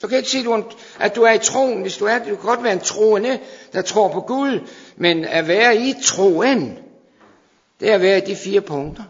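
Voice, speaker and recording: A man preaching a fervent sermon to his congregation, sometimes dropping to hushed intensity. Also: high-pitched. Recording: dull sound in a long-reverb hall.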